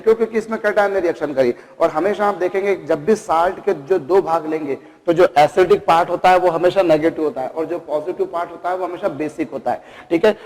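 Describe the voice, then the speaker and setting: This chemistry lecture comes from a man with a slightly mellow voice, high for a male, who pauses for rhetorical questions and addresses his students as kids. Long reverb suggests a hard classroom.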